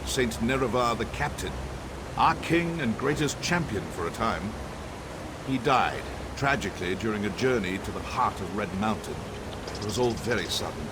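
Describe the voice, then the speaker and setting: A man voices an arrogant, cryptic elven sorcerer-scholar in scripted video game dialogue, theatrical, condescending, and dryly sardonic in a musing mood. His pitch is fairly low, his pace moderate, close to an ordinary speaking voice. The track is very noisy, with music underneath.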